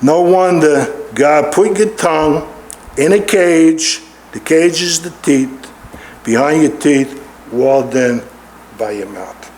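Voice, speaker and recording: A man's voice: on the high side, takes it slowly, a little mellow. A middle-aged man preaching a sermon in a church, stressing and repeating his key words. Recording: roomy echo in a large hall.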